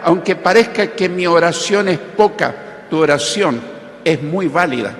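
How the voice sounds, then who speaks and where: A male pastor preaches, his voice sitting a little high for a man. He drives his points home by repeating phrases and pushing certain words harder. Long reverb from the hall hangs behind every line. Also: fairly bright tone. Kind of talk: sermon.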